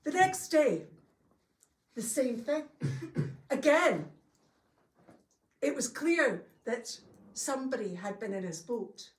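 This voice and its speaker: In a longhouse hall before a live audience, a middle-aged storyteller with a Scottish accent recounts a folk tale in a high, sing-song voice, slowly and with frequent pauses. Her manner is homely and chatty with folksy asides, and the distant mic picks up plenty of room echo.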